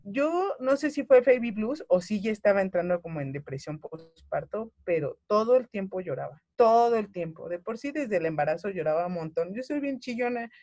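A Mexican woman in her thirties, a mother retelling her story in a conversation, animated and emotional, often acting out what people said to her. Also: mid-range voice, moderate pace, few pauses, no echo, muffled recording. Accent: Mexican Spanish. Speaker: guest mother.

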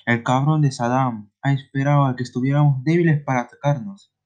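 Un hombre haciendo de padre cansado y gruñón. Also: male voice, medium pitch, steady tone, a little fast, darkish tone, highs cut off, close to an everyday voice. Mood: grumbling. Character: weary, grumbling middle-aged father.

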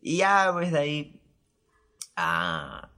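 A man's voice: a little high, very slow, clear, resonant tone. A young man with a Peruvian Spanish accent, casually telling a personal story with crude slang. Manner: animated, crude slang, jumps into quoted voices. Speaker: storyteller host.

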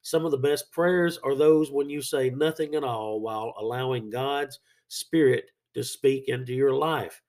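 Raspy man with a sinus cold, teaching. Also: mid-range voice, fairly even intonation, unhurried, darkish tone. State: under the weather with a sinus infection. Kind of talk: sermon-like devotional teaching.

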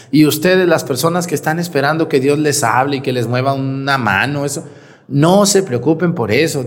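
Teasing priest in a reverberant church. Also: male voice, on the high side. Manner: scolding and teasing, with sarcastic acted-out quotes. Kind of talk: sermon at Sunday mass.

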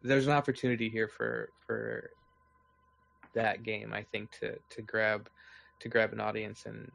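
A man co-hosting a gaming podcast in casual chat, measured and thoughtful, with frequent restarts. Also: fairly low pitch, little pitch movement, creaky, a bit bright, a little hiss or hum. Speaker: podcast co-host.

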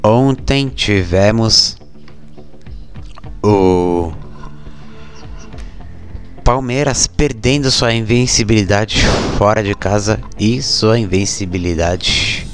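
A Brazilian man hosting casual football news, speaking haltingly with frequent mid-sentence pauses. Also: fairly low pitch, soft background music. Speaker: sports show host.

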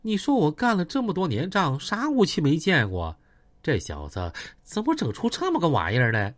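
Man playing a loudmouthed gang boss, coarse and taunting, pitch swinging wildly. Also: huge pitch swings, moderate pace. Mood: stunned. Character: brash blustering male gang boss.

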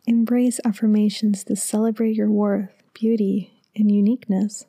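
A woman podcast host reading a script in a soft, soothing, half-whispered sleep-story narration. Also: mid-range voice, flat delivery, moderate pace, dry recording.

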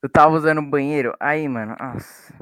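A man's voice: on the high side, a bit bright, clear, resonant tone, no echo. A young man, a guest in a casual podcast, talking defensively and swearing a lot. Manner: rapid, profane, defensive, full of "mano". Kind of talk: casual chat among friends.

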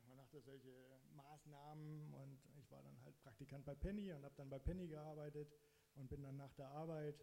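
A guest from eastern Saxony, Germany, tells his own conversion testimony in plain, slangy, conversational speech, candidly sharing his personal story. His mid-range voice is warm, with some vocal fry.

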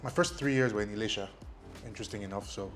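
In a casual interview with soft background music, a Nigerian media company CEO whose first language is Ijesha tells his story. His lowish, slightly bright voice moves quickly, full of ums and carrying a self-deprecating air.

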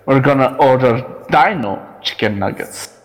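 Slow, lively-pitched man with long reverb. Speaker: tabletop game player. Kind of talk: casual in-character game chat.

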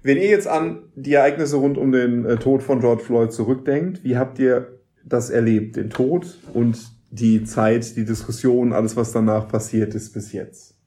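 A man's voice: mid-range voice, unhurried, dark tone. A man hosting a podcast in German, talking earnestly and with feeling about a serious subject. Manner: earnest, impassioned. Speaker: podcast host. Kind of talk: hosted podcast talk.

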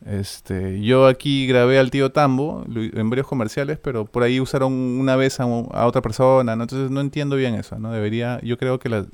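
A man's voice: mid-range voice, steady tone, fairly quick, few pauses, a little mellow, clear, resonant tone, no room sound. A man in his forties with a Peruvian Spanish accent, a voice-over announcer chatting casually in a rambling way. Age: 40s. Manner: easygoing, rambling, tags lines with "¿no?". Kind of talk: casual chat.

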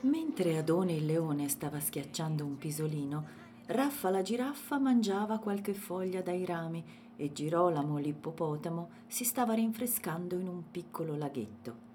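A woman narrating a children's storybook in a gentle, expressive way. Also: on the low side, normal speed, slight background noise.

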